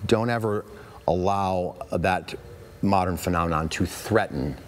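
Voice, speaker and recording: An American man in a TV interview as a historian guest, speaking deliberately and drawing out words for emphasis. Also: deep voice, slight background noise. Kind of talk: live TV interview.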